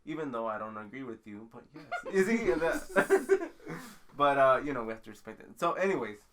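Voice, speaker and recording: A man's voice: mid-range voice, very animated, normal speed, a crowd in the background. A man in his twenties hosting a casual podcast chat, rambling with many fillers and frequent laughs while drinking. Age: 20s. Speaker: podcast host.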